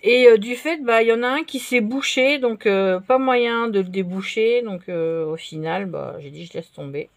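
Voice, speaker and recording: A woman chatting casually while she crafts at her table, relaxed and full of fillers. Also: a little high, normal speed, hardly any pauses, dry recording. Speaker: craft vlogger.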